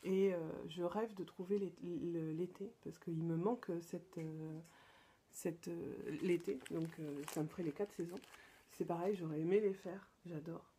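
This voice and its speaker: Hesitant, mellow-voiced French woman host. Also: lowish voice, fairly even intonation, unhurried, slight background noise. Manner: hesitant, many fillers and restarts; drops to soft whispered asides. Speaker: podcast host. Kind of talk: casual show-and-tell chat.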